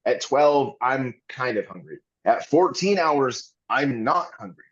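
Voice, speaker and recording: A man's voice: mid-range voice, animated, measured pace, breathy edge, highs cut off. A man guesting on a podcast, talking candidly and earnestly in long rambling runs with frequent restarts.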